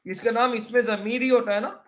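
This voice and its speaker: High-voiced man teaching a class. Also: steady tone, a little fast, fairly bright tone, muffled recording. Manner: explaining step by step with repeated check-ins. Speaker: Arabic teacher. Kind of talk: classroom lesson.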